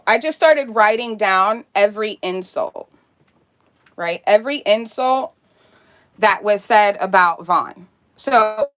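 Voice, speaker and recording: A woman's voice: mid-range voice, fairly bright tone. A woman streamer talking casually, ranting in a heated, sarcastic and profane way.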